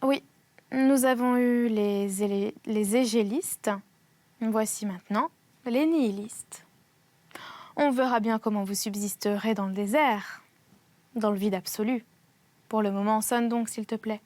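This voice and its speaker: A woman's voice: fairly high pitch, darkish tone, dry recording, close to an everyday voice. Woman reading as a haughty ironic old aristocrat. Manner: mocking, deliberate, pronounces words with care.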